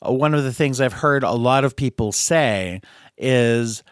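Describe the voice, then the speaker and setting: Man, podcast host, smooth resonant voice, dry close sound, chatty, frequent restarts. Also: mid-range voice, a little slow, no room sound. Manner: chatty, laughs often, many restarts and fillers. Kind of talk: casual podcast discussion.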